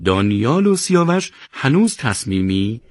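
Expressive male storyteller, close and dry. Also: mid-range voice, no room sound. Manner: expressive storytelling, greets listeners. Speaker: narrator of a serialized radio novel. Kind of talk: scripted narration.

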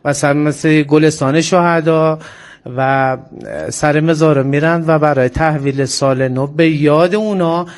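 Man, high voice, Isfahani accent, radio interview guest, polite, hesitant. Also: steady tone.

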